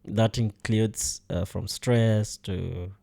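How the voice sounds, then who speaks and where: A man's voice: on the low side, steady tone, drawn-out words, gravelly, warm tone. A man hosting a casual podcast conversation, speaking hesitantly with many fillers and frequent laughs. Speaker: podcast host.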